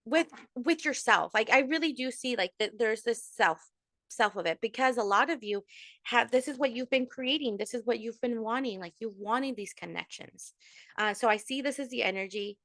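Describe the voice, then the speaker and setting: Bright, chatty woman tarot reader. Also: a little high, dry recording, studio quality. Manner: chatty, warm address with Spanish endearments and many fillers. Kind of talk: casual monthly tarot reading to followers.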